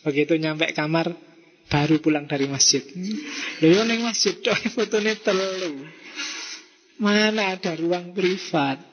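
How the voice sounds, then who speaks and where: A man with a Javanese accent giving a lively philosophy lecture to students, mixing in Javanese phrases and acting out quoted messages. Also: high-pitched, a little slow, pauses often, highs cut off, slight background noise. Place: mosque hall. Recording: reverberant hall.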